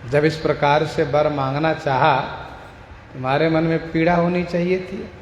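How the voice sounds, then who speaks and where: Man, devotional discourse, high voice, measured and repetitive, echoey hall, long reverb, faint background noise. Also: steady tone, muffled recording. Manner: slow, measured explaining of verses, repeating lines for emphasis. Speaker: scripture expounder.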